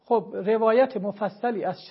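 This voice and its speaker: A man's voice: high-pitched, breathy edge, lo-fi sound. A man as a religious scholar guest giving an emphatic, argumentative televised lecture and citing his sources.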